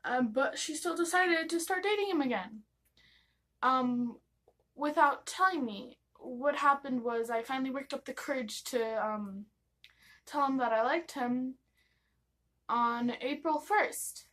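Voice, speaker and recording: A young woman with an American accent and a fairly high voice shares a casual, confessional storytime. Her delivery is gossipy and giggly, rambling along and slipping into quoted dialogue like she is confiding in friends. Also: measured pace, a bit bright. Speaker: vlogger telling personal stories.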